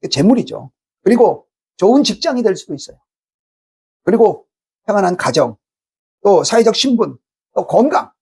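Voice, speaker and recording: A man's voice: high voice, a little mellow, husky. A man preaching a Sunday sermon as pastor in a church, speaking emphatically and firing rhetorical questions at the congregation. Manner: acts out angry complaints to God. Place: church sanctuary.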